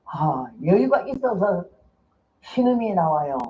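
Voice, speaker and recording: A woman's voice: medium pitch, big pitch swings, measured pace, muffled recording, slight background noise. An older woman preacher delivering a sermon, telling a personal testimony vividly and dramatically.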